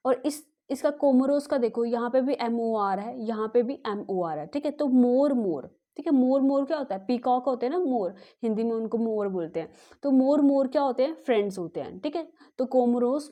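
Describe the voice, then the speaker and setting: A woman's voice: on the high side, expressive, normal speed, mellow. A woman teaching an exam-prep lesson on memory tricks in a chatty way, mixing English words into her talk and checking "okay?" after nearly every sentence. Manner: mixes English words into Hindi.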